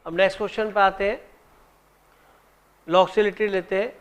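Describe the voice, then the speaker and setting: A man teaching a maths lesson in Hindi, dictating formulas slowly and teasing inattentive students with joking asides. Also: high-pitched, fairly even intonation, a bit bright, clean tone. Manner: slow, spelled-out dictation of formulas. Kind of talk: classroom lecture.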